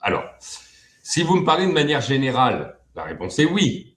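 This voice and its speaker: A man's voice: medium pitch, very animated, moderate pace, a bit bright, reverberant. A man talking as a guest expert in an interview, hesitant, with many fillers and repeated words. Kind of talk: web TV interview.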